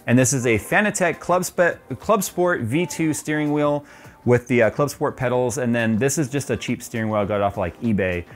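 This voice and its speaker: A man in his forties, a tech YouTuber, gives a casual tour of his home game room at normal speed and medium pitch. He's chatty and loose, dropping plenty of ums, and is recorded on a lapel mic.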